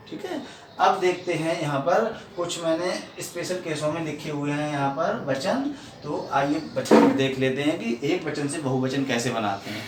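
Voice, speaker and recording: Male teacher, kids' lesson, very slow deliberate delivery, faint hiss in the background. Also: a little high, a little mellow. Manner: slow, deliberate, repeats definitions. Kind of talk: classroom lesson for young children. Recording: echoey room, distant mic, faint hiss.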